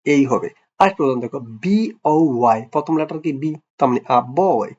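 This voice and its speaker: A man's voice: on the high side, animated, brisk, darkish tone. Bengali man teaching, dull lo-fi sound. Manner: repeats "clear?" and quizzes the listener; affectionate, teasing address to pupils. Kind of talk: classroom grammar lesson. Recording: dull lo-fi recording.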